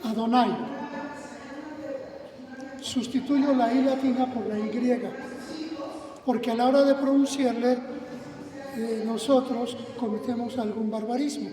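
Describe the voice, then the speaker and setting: A man's voice: very high-pitched, fairly even intonation, a little slow, long pauses. A man preaching a teaching sermon, quizzing the congregation with questions. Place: church sanctuary. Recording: echoey hall, distant mic, congregation noise.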